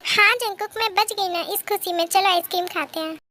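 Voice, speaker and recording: A woman's voice: very high voice, brisk, bright, forceful tone, a little hiss or hum. A woman voicing a stubborn, playful young woman who coaxes and pleads. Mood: coaxing. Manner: coaxing, pleading.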